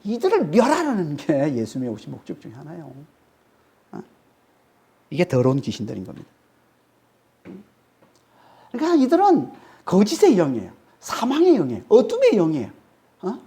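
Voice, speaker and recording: A woman's voice: on the low side, wildly swooping pitch, moderate pace, pauses often, warm tone. A woman preaching a sermon. She is emphatic, repeats key phrases and keeps checking in with a prompting "eh?". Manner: often adds a prompting "eh?" to check the audience. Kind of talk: expository sermon.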